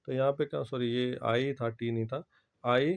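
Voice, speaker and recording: A man's voice: medium pitch, steady tone, moderate pace, smooth. A man teaching English spelling rules to students, explaining step by step and checking in again and again. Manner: repeats "ठीक है" and "जो है ना" constantly, explains step by step. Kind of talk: classroom lesson to students.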